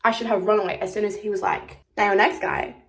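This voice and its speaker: A slight hiss or hum sits under a woman's mid-range voice, steady in tone and quick in pace. Aged about 19, nearly 20, she vlogs to camera in a casual confessional chat, dramatic, rambling and self-deprecating.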